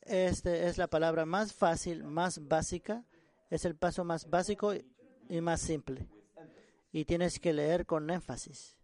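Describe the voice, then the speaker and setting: A man preaching a sermon on prayer, earnest and halting, often repeating and restarting words. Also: fairly high pitch, fairly even intonation, darkish tone.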